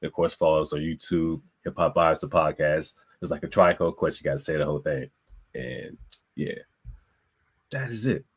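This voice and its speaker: Young man, deep voice, easygoing podcast co-host. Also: moderate pace, slightly rough. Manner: easygoing, hype reactions. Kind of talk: casual podcast chat.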